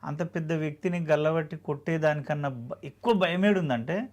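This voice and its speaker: A man's voice: a little high, a little fast, darkish tone. A man with a Telangana Telugu accent, an actor guest telling his story in an earnest, heartfelt, plainspoken way. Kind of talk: emotional storytelling interview.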